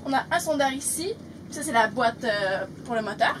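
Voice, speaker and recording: Young woman, high voice. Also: normal speed, far from the mic. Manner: relaxed, many "euh" fillers, light laughs. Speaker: sailboat owner giving a tour. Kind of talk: casual video tour. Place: sailboat cabin, then open deck outdoors. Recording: loud wind and water noise.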